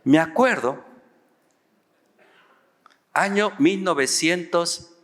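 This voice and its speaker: A middle-aged pastor with a Mexican accent, telling a story in a lively, animated sermon straight to his congregation. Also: a little high, extremely slow. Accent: Mexican Spanish. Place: large church auditorium. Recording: long church reverb.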